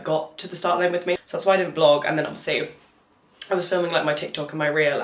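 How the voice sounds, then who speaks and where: Speaking in a low-sitting, fairly bright voice, a young British vlogger recounts her experience to camera in a candid, rambling way, frequently filling her sentences with "like." Her casual chat comes through with a roomy echo.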